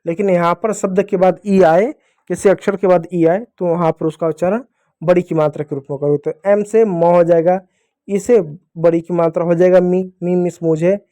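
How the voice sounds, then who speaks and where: A young man teaches small children how to read, his voice pitched high yet soft and mellow. He goes patiently, posing each rule as a question and then answering it himself. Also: fairly even intonation, moderate pace. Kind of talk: phonics lesson for young children.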